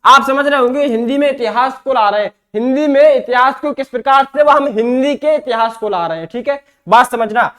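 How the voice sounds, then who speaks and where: A man's voice: very high-pitched, a bit bright. A male teacher with an eastern Uttar Pradesh Hindi accent giving an exam-prep lecture, often asking questions and answering them himself. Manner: repeats himself, asks and answers his own questions.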